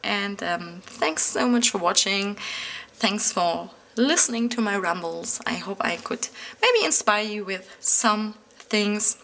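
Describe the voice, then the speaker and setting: A Berlin-born native German speaker who runs a planner channel rambles to her viewers in casual English, full of fillers and restarts, with a German accent. Her mid-range voice is gravelly, pushed and bright, and she takes her time. She sits at a table indoors with an overhead camera on her hands, and there's a little hiss or hum.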